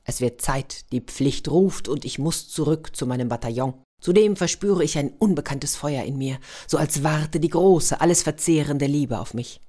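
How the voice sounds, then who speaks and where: A woman's voice: deep voice, normal speed, hardly any pauses, mellow. A woman voicing a formal, gallant male tin soldier who captains a paper boat in a children's story. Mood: solemn. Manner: stiffly polite, commanding.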